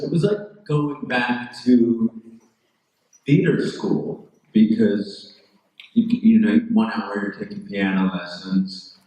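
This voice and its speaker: Deep-voiced man in a booming hall. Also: a little mellow. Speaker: actor on a panel. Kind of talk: conversational Q&A answers. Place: large echoey school hall. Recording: very echoey hall.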